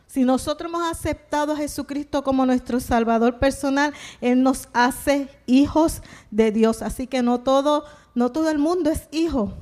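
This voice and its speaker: A woman's voice: high voice, darkish tone. A middle-aged woman giving a sermon in an earnest, testimonial way, acting out the people she quotes. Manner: earnest, testimony-driven, acts out quoted dialogue. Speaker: preacher.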